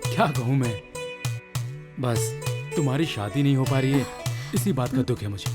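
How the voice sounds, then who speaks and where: A man plays a calm, sensible village drummer who speaks in a mid-range voice. Clear film music plays beneath his dubbed lines. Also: mid-range voice, normal speed, close to an everyday voice. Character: level-headed village drummer, returned home.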